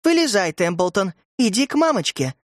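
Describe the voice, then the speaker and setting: A man voicing a cold, vengeful middle-aged widow in an audiobook, calm and then shrill and hissing. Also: normal speed, no room sound, clean studio sound. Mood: coaxing. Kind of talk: audiobook character voice.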